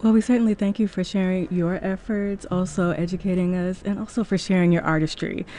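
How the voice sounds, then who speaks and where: A woman's voice: fairly low pitch, steady tone, brisk, warm tone. A woman interviewing a guest during an intermission broadcast, asking questions in an upbeat, friendly way.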